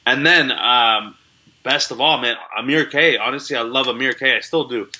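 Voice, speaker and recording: A man's voice: medium pitch, normal speed, pushed and bright, slight background noise, low-quality recording. A young man from Canada, a comedian chatting as a guest over a video call in a laid-back, slangy way. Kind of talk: casual interview chat.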